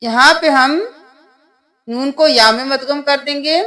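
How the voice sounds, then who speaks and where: A woman teaching tajweed, spelling out letters syllable by syllable and reciting verses in a slow, drawn-out, melodic way, with patient explanations. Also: high voice, bright, forceful tone. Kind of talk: tajweed lesson.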